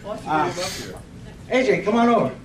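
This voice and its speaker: A man's voice: sits high, lively intonation, a little slow, a crowd in the background. A man leading a church meeting, chatty and joking as he calls people up to speak. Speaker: church program leader. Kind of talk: casual church meeting talk. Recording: echoey room, distant camera mic.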